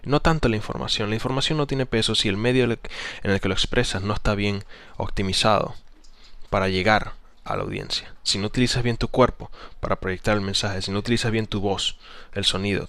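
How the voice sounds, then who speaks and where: A man with a fairly low voice teaches how intonation shapes a first impression. He talks casually and keeps demonstrating phrases with rising and then falling endings. The sound is dry and close, with no room echo. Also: a bit bright. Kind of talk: casual spoken tutorial.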